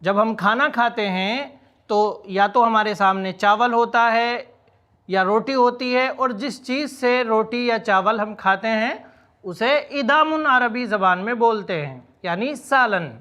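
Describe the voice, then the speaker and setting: High, bright-voiced male Arabic teacher. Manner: says each Arabic word slowly and repeats it, then explains its meaning. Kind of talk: vocabulary lesson in Urdu.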